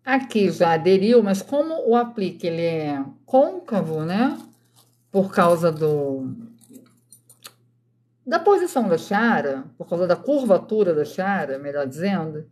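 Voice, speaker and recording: A woman's voice: on the low side, very animated, unhurried, a little mellow. A Brazilian woman in her thirties chats casually through a craft live stream from home at night. She talks straight to her viewers and keeps her voice down so the sleeping children stay asleep. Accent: Brazilian Portuguese. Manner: chatty, addresses viewers directly, keeps voice down for sleeping kids.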